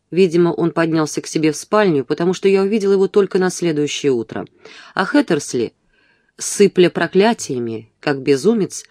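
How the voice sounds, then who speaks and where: A reader narrating an audiobook in a steady, measured storytelling manner. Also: medium pitch, no room sound, studio quality.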